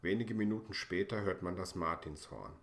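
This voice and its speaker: A man reading a children's story aloud, calm and measured with gentle expression. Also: low-pitched.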